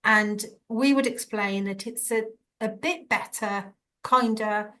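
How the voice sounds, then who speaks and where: A woman, a former nurse, guesting on a podcast and telling anecdotes with lively quoted dialogue. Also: medium pitch, slow, slight background noise. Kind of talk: conversational storytelling. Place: podcast interview.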